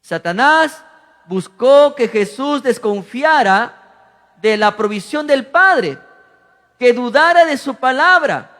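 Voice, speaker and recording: High-voiced preacher in a reverberant church. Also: male voice, lively intonation, slow pace, a bit bright. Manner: teaching, tells listeners to write notes; repeats verses and lines for emphasis. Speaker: pastor. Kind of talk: sermon. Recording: long church hall reverb.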